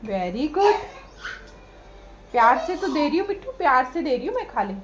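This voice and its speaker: Brief: a mother, squeaky-high voice, coaxing a sulking pet over steady background noise. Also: normal speed, lo-fi sound. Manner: coaxing, repetitive sing-song pet talk. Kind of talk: home video, coaxing a pet parrot.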